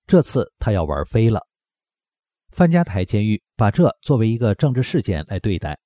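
A man with a low voice reads a scripted news report in a steady, measured delivery. His pitch moves a lot from phrase to phrase, and the recording sounds dry and close. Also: dry recording. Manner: steady read-aloud delivery. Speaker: news reader.

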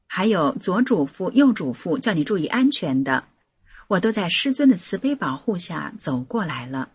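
A woman reading a personal account aloud in an earnest, measured scripted narration. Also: lowish voice, breathy edge. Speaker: article reader.

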